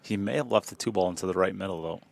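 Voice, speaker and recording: A man's voice: low-pitched, racing, vocal fry. A man commentating a pool match in a chatty, joking way, often repeating himself. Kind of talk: live sports commentary.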